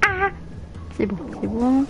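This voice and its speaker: Playing a game on a live stream, this nineteen-year-old streamer chats playfully with her audience, teasing them and growing flustered at times. She has a high voice with big pitch swings, a slow pace, and vocal fry, heard over background noise.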